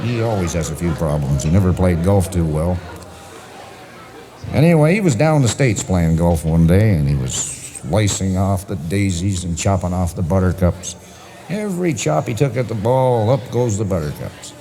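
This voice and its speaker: A low, mellow male voice with a Newfoundland accent, spinning one joke after another on an old comedy album. He speaks in a lively, sing-song way and jumps up high whenever he voices one of his characters. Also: moderate pace. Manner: folksy storytelling, jumping into high-pitched voices for his characters. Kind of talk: joke telling.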